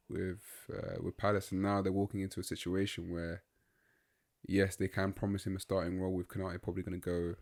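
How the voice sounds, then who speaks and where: Picture a young man in his twenties, slightly low-pitched, talking football with his co-host in a loose, easygoing way. He rambles through his opinions and fills the gaps with "like" and "um" as he thinks out loud. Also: creaky. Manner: relaxed, rambling, filler-heavy opinions. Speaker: podcast co-host. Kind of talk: casual football chat.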